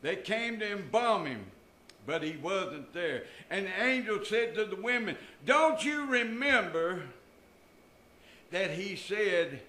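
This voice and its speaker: A man's voice: high-pitched, lively intonation, slow, bright, forceful tone. An older man preaching a sermon from a church pulpit, with emphatic rises and drops in his voice. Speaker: pastor. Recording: echoey church room.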